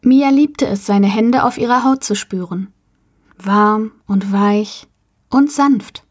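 A woman reading a short story aloud in a calm, measured narrating voice. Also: medium pitch. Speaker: reader. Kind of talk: audiobook narration.

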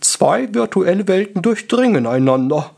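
A man voicing a theatrical, solemn male wizard who speaks slowly and gravely. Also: high-pitched, lively intonation, voice pushed up, exaggerated voice. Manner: slow, grave, hushed.

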